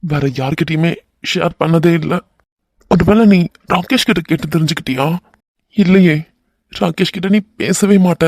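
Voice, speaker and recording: A man's voice: a little high, normal speed, darkish tone, no room sound, studio quality. A man voicing an earnest young husband. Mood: earnest musing. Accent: Kanyakumari Tamil. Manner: earnest, bantering. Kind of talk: animated romance voice acting.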